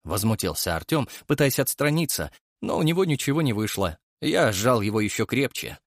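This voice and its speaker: A man narrating an audiobook in the first person, in an expressive way, on a close microphone. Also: medium pitch, a little fast, dry recording. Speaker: audiobook reader.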